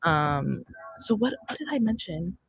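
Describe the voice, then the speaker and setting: In an indoor podcast studio, a young adult woman hosts a casual, loosely improvised chat, close on a boom-arm microphone. She has a lowish, sing-song voice with a breathy edge and a measured pace, and there is no echo.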